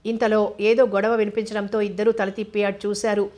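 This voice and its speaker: A woman narrating an audiobook novel in a steady, unhurried reading. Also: mid-range voice.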